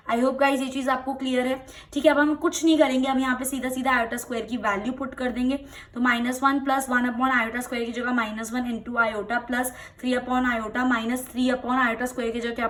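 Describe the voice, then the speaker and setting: A woman's voice: sits high, a bit bright. A young woman teaching a maths lesson, working through each step patiently and checking that her students follow along. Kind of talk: step-by-step maths lesson in Hindi-English mix.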